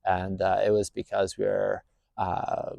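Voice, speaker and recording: A man's voice: deep voice, monotone, unhurried, vocal fry, dark tone, no room sound. A man in his thirties from Northern Ireland telling his story as a business owner, plain-spoken with lots of fillers. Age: 30s. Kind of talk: casual personal story to camera.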